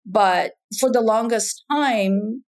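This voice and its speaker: A woman's voice: on the high side, slow pace, a little mellow. A woman from Japan speaking as a podcast guest, talking in a reflective way with frequent "you know" and "in terms of". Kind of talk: casual conversation.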